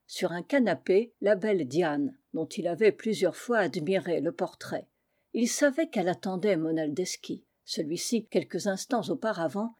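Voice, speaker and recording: Mellow-voiced woman reading a historical tale. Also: medium pitch. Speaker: audiobook reader. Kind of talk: scripted narration of a historical tale.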